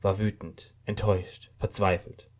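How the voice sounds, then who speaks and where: A man's voice: lowish voice, flat delivery, unhurried, darkish tone, close to an everyday voice. A man voicing a stern, snippy woman of about thirty who holds the upper hand. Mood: firm, cool. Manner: snippy, firm, commanding. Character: stern red-haired woman around thirty, armed rebel.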